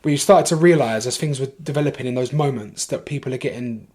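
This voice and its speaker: A man with a London accent, a podcast guest telling a long story in a casual way, animated, swearing freely and restarting his sentences. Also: medium pitch, fast.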